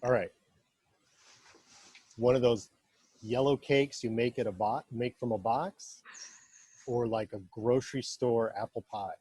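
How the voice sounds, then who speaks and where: A man hosts a casual interview, firing quick either-or questions in a friendly way. His voice is mellow and a little husky, and the recording is dry, with no room sound. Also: mid-range voice, steady tone, no room sound. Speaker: interview host.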